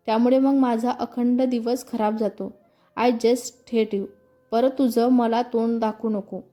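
A proud, hot-tempered young woman from a storybook, as the woman narrator puts her on. She speaks sharp and bossy, in a high, mellow voice over faint music. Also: close to an everyday voice.

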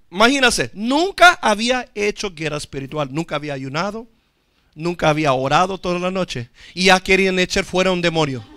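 A male pastor preaching a sermon. He speaks with emphasis, swinging from loud to hushed and calling on the congregation to answer. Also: high-pitched, clear, resonant tone, dry recording, clean studio sound.

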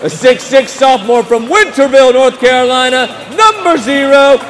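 Faint music sits under the echoing arena PA as a young American man announces a basketball game from courtside in an indoor arena. Speaking into a short-stand desk microphone, he draws out names in a booming showman voice over loud crowd noise and arena ambience.

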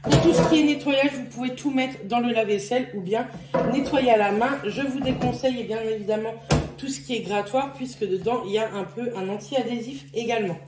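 French-speaking woman showing off a kitchen gadget, slightly high voice, lots of euh, echoey room. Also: a little fast, heavy background noise. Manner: chatty, many fillers, self-correcting. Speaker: beauty and lifestyle vlogger. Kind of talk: casual product demonstration. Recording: echoey room with faint ambience.

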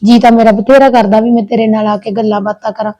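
A caring but anxious elder sister-in-law talks on earnestly, pleading and complaining in long runs, played by a woman. Her voice is fairly high and mellow. It is plain village short-film acting. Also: flat delivery, fast, close to an everyday voice, rough recording. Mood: worried, caring. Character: elder daughter-in-law, childless, kind and anxious.

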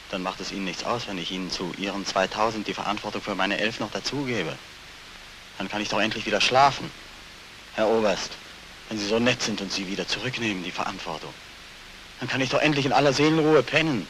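An actor playing a haunted soldier back from war, tormented, swinging between strained cries and hushed whispers, in 1940s film acting. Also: male voice, lowish voice, lightly acted. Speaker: war returnee Beckmann. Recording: hissy old 1949 film soundtrack.

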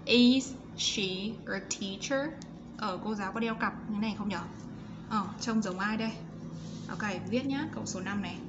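A Vietnamese woman teaches English to young children with a Vietnamese accent. She explains briskly, then stretches out model phrases and repeats sounds. The recording is somewhat dull, with steady noise behind her. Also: medium pitch. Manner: switches between quick explanations and slow, drawn-out model sentences; encouraging, repeats sounds for pupils.

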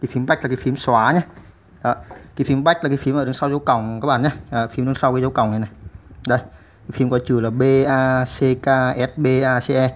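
A man's voice: mid-range voice, steady tone, fast. A man hosting a computer typing tutorial, explaining step by step with many "à" fillers. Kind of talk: step-by-step screen-recorded tutorial.

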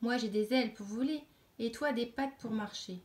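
Bourdon de conte, ton net et assuré, voix douce, jouée par une femme. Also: female voice, a little high, moderate pace, darkish tone, lightly acted. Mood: matter-of-fact. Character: matter-of-fact bumblebee, know-it-all.

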